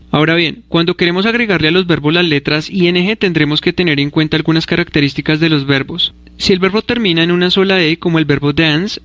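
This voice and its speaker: A man narrating a scripted English grammar lesson, explaining rules clearly and spelling out letters one by one. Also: a little high, fairly bright tone, dry recording, highs cut off. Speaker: English teacher.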